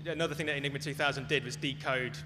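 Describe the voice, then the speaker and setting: At a live talk in a large echoey venue, a man answers audience questions with an informal, hedged explanation. His mid-range voice holds a steady tone while he races along. The hall's echo comes through along with clear background noise and hum.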